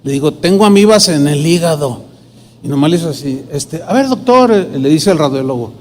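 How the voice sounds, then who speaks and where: Pastor preaching in a reverberant hall. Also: male voice, a little high, fairly quick, darkish tone, a little hiss or hum. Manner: storytelling, acts out dialogue in quoted voices. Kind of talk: sermon with personal testimony.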